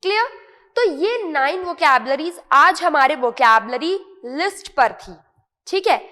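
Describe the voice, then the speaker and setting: An Indian woman teaching English vocabulary in an online lesson, explaining patiently, repeating each word and checking often that it is clear. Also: high voice, pushed and bright, big-room sound.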